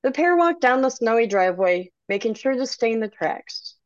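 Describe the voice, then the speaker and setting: A woman author reading her own novel aloud, narrating in an expressive storybook manner. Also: fairly high pitch, normal speed, no room sound, muffled recording.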